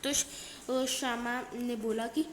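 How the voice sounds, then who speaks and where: A woman teacher reading a textbook story aloud and retelling each line in simpler words. She pauses often with filler sounds. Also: a little high, fairly even intonation, echoey room, a little hiss or hum.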